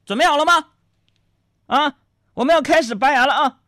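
A man voicing a male doctor who coaxes loudly and gets exasperated. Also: very high voice, fairly quick, no room sound, voice pushed up. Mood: coaxing. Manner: loud and coaxing.

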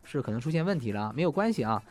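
A man's voice: mid-range voice, sing-song, racing, a little mellow, faint music behind. A man hosting a show, reading listener messages in a jokey, chatty way and laughing often. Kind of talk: casual chat.

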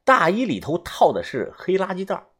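A man's voice: sits high, huge pitch swings, a little fast, fairly bright tone, slightly rough. A man narrating a first-person adventure story in a conversational, dramatic way.

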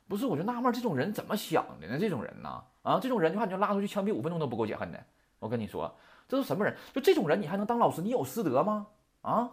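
A man teaching a Japanese vocabulary lesson in a chatty, heated way, full of rhetorical questions. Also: fairly high pitch. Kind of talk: casual lecture with rants.

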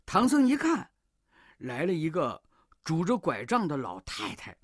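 A woman storyteller narrating a children's tale at an unhurried pace. Her pitch swings lively up and down. The recording is dry and close. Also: no room sound. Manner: slow, animated, drawn-out storytelling.

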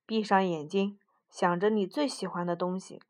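A woman voicing a bossy, impatient male mouse adventurer in a storybook, speaking sternly and loudly. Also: mid-range voice, steady tone, moderate pace, natural voice.

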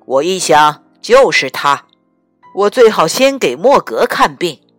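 A brisk grown-man animal doctor with a lowered voice that stays firm and loud, as a woman reading a storybook puts him on. He talks in slow, measured steps with a lively rise and fall. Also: dry recording, soft background music. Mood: calm, firm.

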